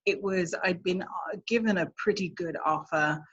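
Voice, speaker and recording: Guesting on a casual interview as an immigration lawyer, an English woman with a London accent answers in a thoughtful, halting way, full of fillers. Her voice is lowish with a breathy edge, and the sound is lo-fi.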